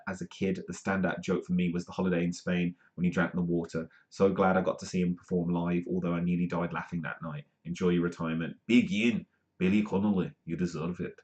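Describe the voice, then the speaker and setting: A man with a deep, low voice hosts a live comedy news stream, reading articles aloud and drifting into rambling asides. He fills the gaps with plenty of ums. The stream audio sounds dull and lo-fi.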